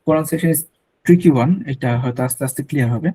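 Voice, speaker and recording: A man teaches French online. He talks slowly, repeats each word and slips English into his explanations. His voice is dark and a little husky. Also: a little high. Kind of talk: online language lesson.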